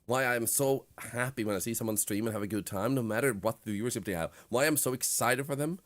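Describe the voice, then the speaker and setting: On a laid-back game stream, a young Swedish-accented man talks fast in a medium-pitched, somewhat bright voice. His chatter is candid, reflective and meandering, packed with fillers, and the sound has no echo.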